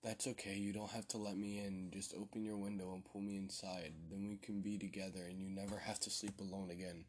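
A man's voice: low voice, level tone, brisk, hardly any pauses, slight background noise, lightly acted. A man voicing a sinister, scheming living doll with a small, sweet, pleading voice in a spoken horror story. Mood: wheedling. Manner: wheedling, pleading.

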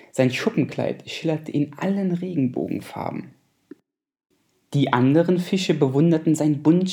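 A man reading a children's story aloud in a gentle, measured storytelling manner. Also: fairly high pitch. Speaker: storybook reader.

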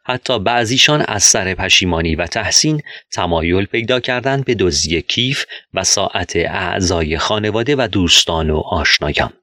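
A man narrating a short story in a steady, measured reading voice. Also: sits low, no room sound, clean studio sound. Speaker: audiobook narrator.

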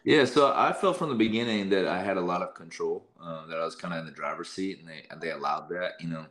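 A man's voice: deep voice, fast. A young man, a singer and guest, telling stories in a casual interview and often quoting himself. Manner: lively storyteller, quotes himself often.

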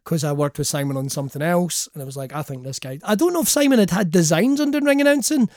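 A man's voice: a little high, fast talker, darkish tone, no room sound, studio quality. A Scottish man chatting casually, telling jokey, sweary anecdotes and acting out the lines he quotes. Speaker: wrestling commentator and guest.

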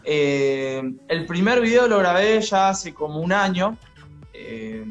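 Young man, shy, earnest, slightly high voice. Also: sing-song, slow pace, lo-fi sound, faint music behind. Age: young adult. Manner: shy but friendly, earnest. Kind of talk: casual interview chat.

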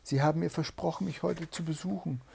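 A man's voice: on the high side, steady tone, brisk, vocal fry, darkish tone, slightly rough, pitched above the performer's own voice, heavily acted. A man reading a fairy tale aloud and voicing a frightened young wife who pleads urgently in a raised voice. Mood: pleading.

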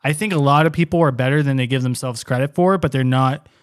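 A man's voice: medium pitch, quick pace, smooth. A man co-hosting a podcast in casual chat, rambling with lots of fillers. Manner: rambling, filler-heavy, laid-back. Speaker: podcast co-host.

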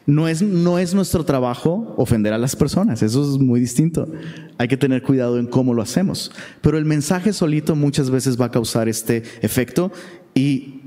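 A man's voice: mid-range voice, moderate pace, warm tone. Mexican man teaching in a reverberant hall. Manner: chatty, tags sentences with rhetorical questions. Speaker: Bible teacher. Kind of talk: conversational Bible study sermon.

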